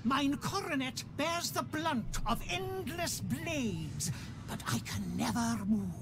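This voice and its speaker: An actress voicing a whimsical talking skull in a video game, posing riddles in theatrical, archaic English. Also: female voice, high-pitched, lively intonation, background noise, full character voice. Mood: delighted, riddling. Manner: theatrical, archaic, drawn-out delivery. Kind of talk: video game character acting.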